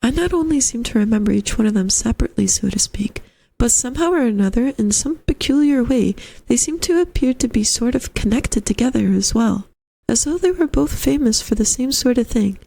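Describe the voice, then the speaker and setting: Woman doing puzzled polite young guy in a story, earnest n musing, soft mellow tone. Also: fairly high pitch, lively intonation, fairly quick, creaky. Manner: musing, hesitant, courteous. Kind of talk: storybook character voice.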